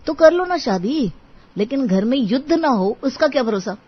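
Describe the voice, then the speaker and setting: A woman's voice: high-pitched, expressive, moderate pace, slightly rough, dull audio. A woman voicing an evasive young man who is scared of marriage and keeps dodging questions. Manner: defensive, joking, dodging questions.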